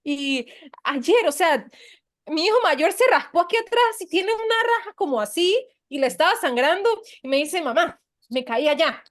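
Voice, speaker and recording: A woman's voice: very high voice, expressive, normal speed. A mother on a casual podcast discussion, hesitant with fillers and emotional as she quotes her children.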